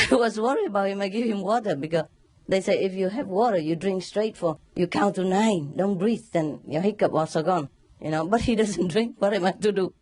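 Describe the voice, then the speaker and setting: Here a spiritual teacher, a woman of medium pitch and moderate pace, recounts a story informally. Frequent laughter and lively sound effects mark her telling.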